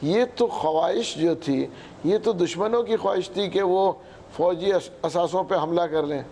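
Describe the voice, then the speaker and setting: Halting older man with a dark voice. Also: sits high. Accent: Pakistani Urdu. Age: 60s. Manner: halting, full of fillers and restarts, clears throat often. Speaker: politician guest. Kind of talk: hesitant interview answers.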